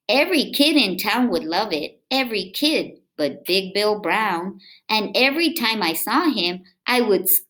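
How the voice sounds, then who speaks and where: A woman with a medium-pitched voice reads a picture book aloud to children with lots of expression, stretching out words and asking her young listeners chatty questions.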